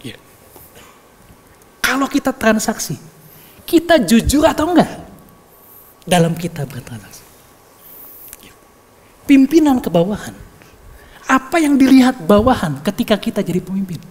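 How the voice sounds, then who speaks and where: A woman delivers a sermon in a church hall, and her voice rings with a long reverb. Her pitch sits a little high and swings widely, and there is a husky edge to her tone. She keeps it playful and chatty, tossing rhetorical questions at the room. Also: sing-song, unhurried, pauses often, a little mellow. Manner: playful and conversational, with many rhetorical questions and "ya" check-ins. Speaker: preacher.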